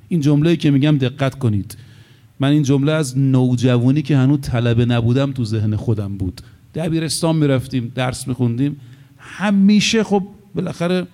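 Middle-aged guy preaching, emphatic, repeats himself, slows right down for arabic quotes. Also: mid-range voice, warm tone. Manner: emphatic, repeats key phrases; quotes Arabic texts slowly and deliberately. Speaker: cleric preacher. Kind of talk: sermon.

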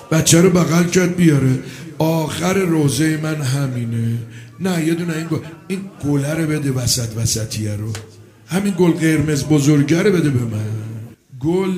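A man narrating a mourning sermon dramatically, dropping to a hush and rising to shouts and chanting. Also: a little high. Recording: echoey hall with faint music.

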